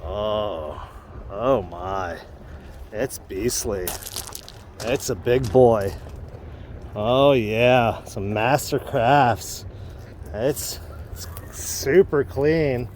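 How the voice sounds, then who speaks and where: A man's voice: medium pitch, extremely slow, long pauses, a little mellow, slight background noise. A man vlogging casually while walking around an outdoor parking lot, sounding enthusiastic and admiring. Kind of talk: casual walk-and-talk vlog.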